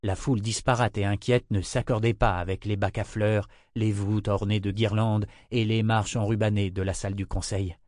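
A man reading an audiobook in an even, measured manner. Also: fairly low pitch, no echo, clean studio sound. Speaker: audiobook narrator. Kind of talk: scripted narration.

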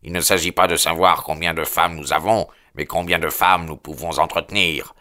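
A man's voice: deep voice, steady tone, moderate pace, sharp tone. A man reading an audiobook, voicing a self-satisfied young heir in a self-assured manner.

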